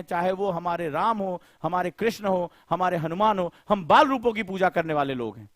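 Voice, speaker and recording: Coaching teacher guy, high voice, fired up, asks students question after question, dry close sound. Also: no room sound. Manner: impassioned, rhetorical questioning; colloquial, addresses students directly. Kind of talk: live online lecture.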